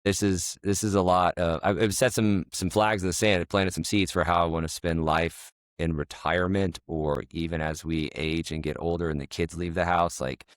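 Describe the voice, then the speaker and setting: Low-voiced guy cohosting a podcast, laid back and rambly, dry room. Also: steady tone, normal speed, hardly any pauses, dry recording. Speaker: podcast co-host. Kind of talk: casual storytelling chat.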